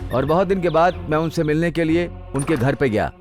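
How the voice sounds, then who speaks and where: A man's voice: a little high, fairly quick, lightly acted. A man playing a pleading, scared captive. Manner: pleading, exasperated. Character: frightened male captive, pleading and exasperated. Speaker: kidnapped estate owner. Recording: film dub with music underneath.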